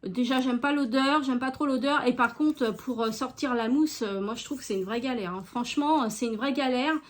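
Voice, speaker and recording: A woman's voice: on the high side, fairly quick. A woman chatting casually as she reviews finished beauty products, talking straight to her viewers with many hesitations. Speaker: beauty vlogger.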